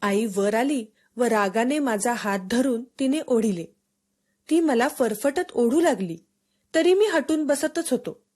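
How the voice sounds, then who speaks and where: A woman narrating a storybook for schoolchildren in a steady, expressive read-aloud. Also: fairly high pitch, takes it slowly.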